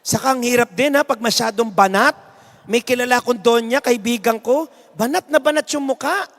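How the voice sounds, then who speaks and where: A male priest giving a sermon with a humorous anecdote, an animated storyteller mixing jokes and teaching, recorded in a reverberant church hall. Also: very high-pitched, moderate pace.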